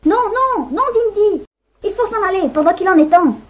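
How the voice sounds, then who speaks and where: A woman's voice: extremely high pitch, lively intonation, moderate pace, muffled recording. A woman voicing a vain, haughty female dragonfly who calls herself an artist and scorns the ants. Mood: urgent. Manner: indignant, scornful.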